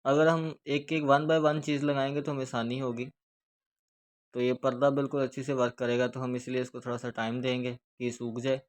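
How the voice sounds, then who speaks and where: Pakistani urdu guy walking thru a speaker fix, kinda monotone, steady and repetitive. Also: mid-range voice. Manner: steady, repetitive explaining while working with hands. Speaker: speaker repair instructor. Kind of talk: hands-on repair tutorial.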